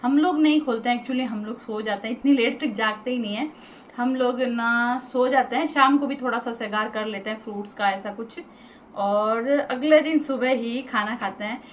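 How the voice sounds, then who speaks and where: A talkative woman, speaking straight to her viewers in a home vlog. Her voice sits a little high, and it bounces around an echoey room with a faint hum of ambience behind her. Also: moderate pace. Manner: chatty, addresses viewers directly. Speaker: vlogger. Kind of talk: casual home vlog chat.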